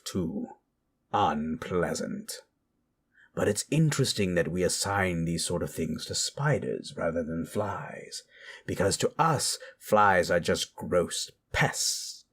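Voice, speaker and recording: Low-pitched with a breathy edge, this man hosts and narrates scary stories. He savors the macabre theatrically, alternating between dramatic tales and reflective asides.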